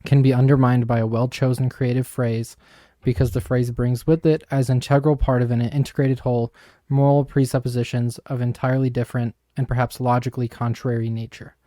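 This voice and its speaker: A young adult man co-hosts a podcast, thoughtfully and casually explaining ideas from a book, with frequent fillers. His mid-range voice is mellow and level, fairly quick, captured as clean studio sound with no room noise.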